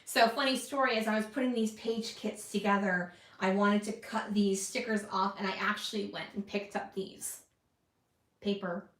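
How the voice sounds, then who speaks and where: A woman's voice: mid-range voice, fairly even intonation, normal speed, fairly bright tone, roomy sound, recorded from a distance. A woman vlogging casually while she makes a scrapbook page, rambling and self-deprecating as she talks. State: hiccuping. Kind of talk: casual chat while crafting.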